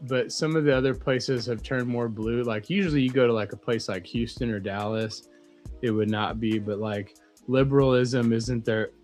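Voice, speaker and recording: A man co-hosting a casual livestream chat, rambling and animated as he tells stories. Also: medium pitch, moderate pace, soft background music. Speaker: co-host.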